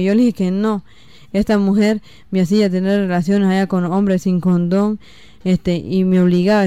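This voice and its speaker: Halting young Nicaraguan woman, flat voice. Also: medium pitch, clean tone, no room sound. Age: young adult. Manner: halting, many "este" fillers. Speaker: interviewee. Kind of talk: testimony interview.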